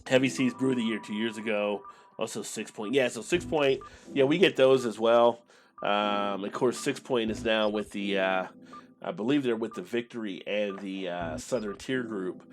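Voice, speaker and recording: On a beer channel's casual live stream, the American host talks to viewers in a rambling, chatty way. His voice runs on the low side at a moderate pace, with faint music in the background.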